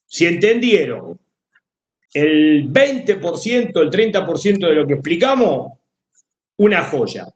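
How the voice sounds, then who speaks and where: Male teacher, Rioplatense accent, lecture delivery, animated intonation, echoey room. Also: a little high, slow pace, muffled recording. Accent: Rioplatense Spanish. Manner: explanatory, checks understanding often. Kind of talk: classroom lecture.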